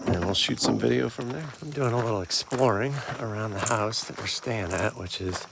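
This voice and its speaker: A man casually narrating a road trip vlog, chatty and relaxed, with fillers and trailing pauses. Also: fairly low pitch. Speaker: car club member filming a road trip. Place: outdoors at a rental house, rivers and waterfalls. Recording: outdoor camera audio with clear background noise.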